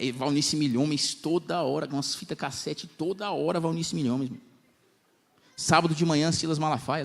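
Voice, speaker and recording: A young man preaching at a church congress, telling lively stories in slangy talk and acting out the voices he quotes. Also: fairly high pitch, creaky. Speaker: pastor. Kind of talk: lively storytelling sermon.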